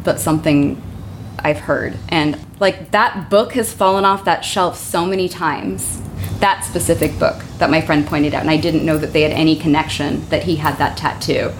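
A woman's voice: low voice, normal speed, a little hiss or hum. A woman, the tenant of the house, telling a personal story in a rambling, earnest way with many restarts. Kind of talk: casual interview storytelling.

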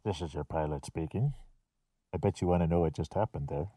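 A man's voice: low voice, fairly quick, dark tone, no echo, pitched below the performer's own voice. A male radio co-host playing an airline pilot who is making a cabin announcement from the cockpit. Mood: reassuring. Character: calm male airline pilot speaking over the cabin speaker.

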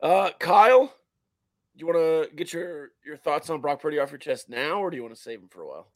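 A man hosting a casual football talk show, his voice hoarse, raspy and strained. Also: on the high side, very animated, a little fast, no echo, studio quality. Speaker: sports show host.

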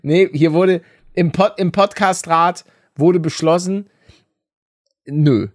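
A man's voice: high-pitched, takes it slowly, no echo, studio quality. A man from the Rhineland co-hosting a podcast, joking and teasing in casual banter. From Rhineland, Germany. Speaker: podcast co-host.

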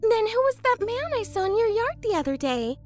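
An actress voicing a gushy, chipper young woman who teaches preschool, speaking in a high-pitched baby doll voice that coos with sweet condescension. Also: very animated, fairly quick, faint music behind. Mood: chipper cooing. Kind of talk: audio drama acting.

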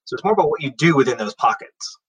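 Bright, forceful man explaining as an expert guest. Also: medium pitch, expressive, fast, breathy edge, rough recording. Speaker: investment research head, interview guest. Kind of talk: explanatory interview talk.

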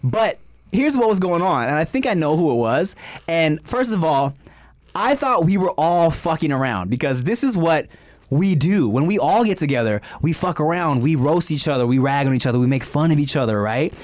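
Lively high-voiced man telling stories. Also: moderate pace. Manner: animated storytelling, swearing freely. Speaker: podcast co-host. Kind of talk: casual chat.

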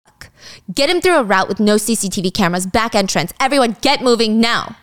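A woman's voice: a little high, expressive, fairly quick, natural voice. A woman voicing an arrogant, domineering lawyer husband who barks curt orders, in a drama recap. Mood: commanding.

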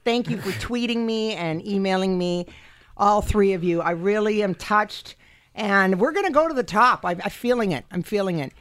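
A woman radio host with a bright, forward voice and a mid-range pitch. She chats effusively through a comedy talk show, joking and poking fun at herself. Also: expressive, normal speed. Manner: effusive, joking, self-deprecating. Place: radio studio.

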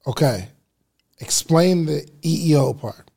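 A man's voice: on the high side, animated, a little slow, vocal fry, dark tone, breathy edge. A man hosting and coaching in casual slang, asking blunt, challenging questions. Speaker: hot seat host, coach. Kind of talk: casual, probing interview.

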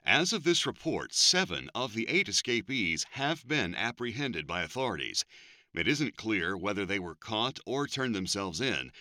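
Man doing a tv news anchor, low forceful voice, formal bulletin read. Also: no room sound, clean studio sound. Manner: crisp, formal delivery. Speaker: news reporter. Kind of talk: broadcast news reading.

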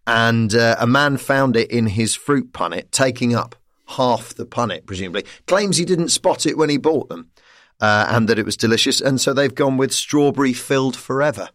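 A man's voice: mid-range voice, normal speed, fairly bright tone, no echo, clean studio sound. A man chatting as a comedian guest on a panel, playful and laughing as he rambles through asides. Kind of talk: casual panel chat.

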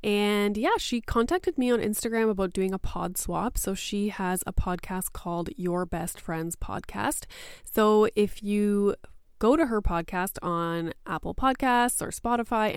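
Woman chatting on her podcast, bit stuffed up froggy nose from a cold but smooth, dry sound. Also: medium pitch, no room sound. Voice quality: slightly congested, stuffy-nosed sound from a cold. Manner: chatty, informal, candid. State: sinuses a bit plugged after a cold. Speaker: podcast host. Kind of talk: casual podcast monologue.

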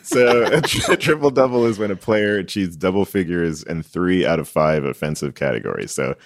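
Deep-voiced man patiently explaining. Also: lively intonation, normal speed, no room sound, studio quality. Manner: patient, explains then laughs easily. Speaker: explainer of sports terms. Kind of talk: casual chat.

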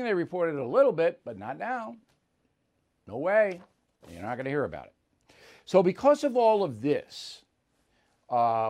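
A man's voice: fairly high pitch, a little mellow. A man hosting an opinionated commentary monologue, emphatic and repeating words for punch. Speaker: host.

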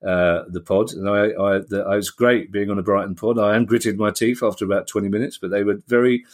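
A man hosting a podcast, chatting and bantering in a jokey, relaxed way. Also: on the low side, fairly quick. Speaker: podcast host. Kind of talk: casual podcast chat.

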